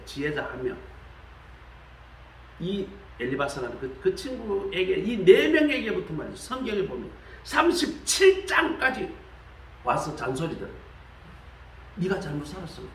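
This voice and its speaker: A man preaching a sermon in a colloquial, animated way, acting out the voices he quotes. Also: vocal fry, echoey room, recorded from a distance, slight background noise, low-quality recording. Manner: animated, acts out quoted voices with shifts of pitch; colloquial, repeats "말이죠". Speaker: pastor. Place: church sanctuary.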